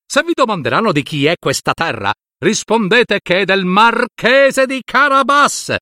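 A crafty storybook cat in boots speaks in a raised, lilting voice, as a male storyteller puts him on. He is courtly and flattering, all bows and persuasion, and his pitch leaps around as he talks. The sound is close and dry. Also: slow pace, no echo, exaggerated voice. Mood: menacing. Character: cunning, smooth-talking male cat in boots.

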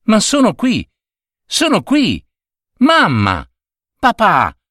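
A man voicing a lonely invisible schoolboy who calls out and pleads in a high, tearful voice. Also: wildly swooping pitch, slow, fairly bright tone, dry recording, clean studio sound, heavily acted. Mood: eager calling. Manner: high, crying pleas.

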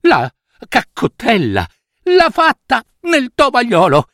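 A mischievous young peasant girl from a fairy tale chatters in a high, squeaky voice, as a man puts her on. She hurries and pleads, her voice jumping all over. The sound is dry and close. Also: huge pitch swings, fairly bright tone, no echo, exaggerated voice. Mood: frightened. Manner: rushed and pleading.

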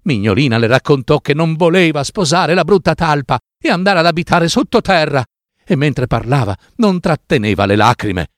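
Male storybook narrator, expressive and lingering, dry studio sound. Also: on the high side, moderate pace, no echo. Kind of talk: storybook reading.

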